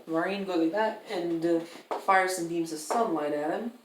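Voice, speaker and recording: Lady gm narrating a tabletop game, kinda low voice, echoey room with faint hiss. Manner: halting, filler-heavy narration. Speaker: game master.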